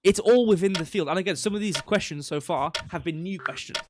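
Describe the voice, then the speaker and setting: A man's voice: sits high, fast, background noise. Chatty quiz host man. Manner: chatty, rambling, mock-indignant. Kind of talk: casual live-stream quiz hosting.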